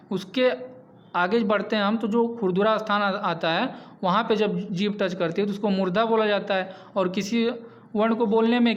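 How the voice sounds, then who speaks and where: A man with a notably high voice teaches a grammar lesson, sounding out each example slowly and checking in with the class between points. The recording is dull and lo-fi, with a muffled top end. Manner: repeats examples, frequent "theek hai" check-ins. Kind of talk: online lesson.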